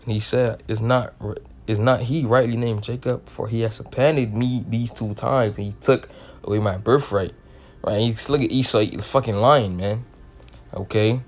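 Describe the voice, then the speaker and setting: A man's voice: mid-range voice, steady tone, normal speed. A man reading old-fashioned scripture aloud and explaining it in loose, slangy talk with swearing. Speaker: Bible teacher. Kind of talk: casual Bible study reading.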